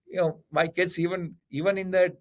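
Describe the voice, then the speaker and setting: A man's voice: high-pitched, fairly even intonation, a little fast, lo-fi sound. A man in his fifties from Bangalore with a South Indian accent, chatting casually as an interview guest, emphatic and often repeating his words. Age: 50s.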